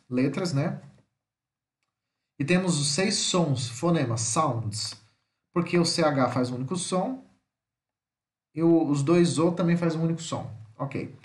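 Man, English teacher, patient step-by-step explanation, higher voice, echoey room. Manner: explains step by step, checking in with a frequent "tá?". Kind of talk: classroom lesson explanation.

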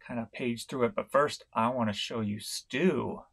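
A middle-aged man from St. Louis, Missouri, giving a casual vlog update on his online reselling, talking in a slow, rambling way with many fillers and restarts. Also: mid-range voice, gravelly, a bit bright, breathy edge. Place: home room, indoors.

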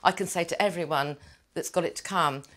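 A woman's voice: fairly low pitch, fairly quick, fairly bright tone. An older woman with an English accent, a tenant, chatting enthusiastically in a documentary interview in her living room.

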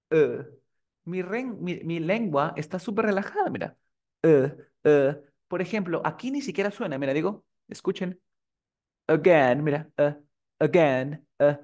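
Male English teacher, a little high-pitched, runs a live online class and keeps checking in with students. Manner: asks the class frequent checking questions.

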